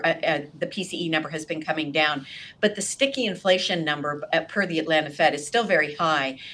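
A woman with a low voice talks through her analysis as an interview guest. She is conversational, speaking over a video call. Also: a bit bright. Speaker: investment chief interviewed as guest.

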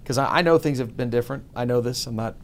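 A man from Texas hosting a casual chat, telling stories with lively voice mimicry. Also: medium pitch, fast, slight background noise. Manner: animated storyteller, mimics voices.

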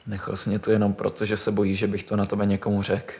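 A man's voice: fairly low pitch, lightly acted. A young actor playing a drugged young man who taunts and clings in turn, in a radio drama. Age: young adult. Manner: mocking, flat taunting.

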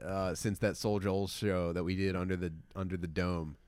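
A man's voice: low voice, level tone, moderate pace, a little mellow, smooth, no echo. A man hosting a casual podcast, joking and teasing his friends and laughing often. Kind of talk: casual banter among friends.

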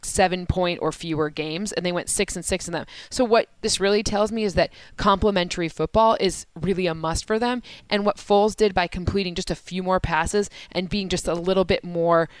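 A woman co-hosting a casual football chat, running through stats quickly, correcting herself mid-sentence and laughing easily. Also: on the low side, steady tone, clear, resonant tone, no echo. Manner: rapid stat-heavy analysis, laughs easily, self-corrects. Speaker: sports podcast co-host and analyst. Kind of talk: casual sports analysis chat.

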